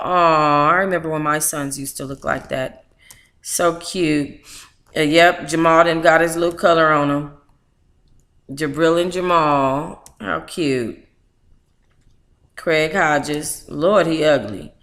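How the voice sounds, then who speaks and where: A middle-aged woman hosts a book club livestream in a low, slow, slightly bright voice. Chatty and candid, she mixes colloquial asides with reading aloud, and the room sounds roomy and echoing.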